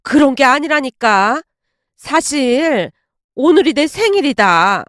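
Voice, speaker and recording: A woman voicing an older mother-in-law who scolds her son and then slowly pleads with her daughter-in-law, in a dramatized story reading. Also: high-pitched, lively intonation, fairly bright tone, no echo, studio quality, exaggerated voice. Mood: pleading.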